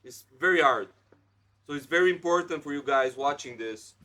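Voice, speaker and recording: A man's voice: a little high, moderate pace, sharp tone. A man in his thirties hosting a casual podcast chat, blunt and preachy, peppering his talk with "like". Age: 30s. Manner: heavy use of "like", blunt and preachy. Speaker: podcast host.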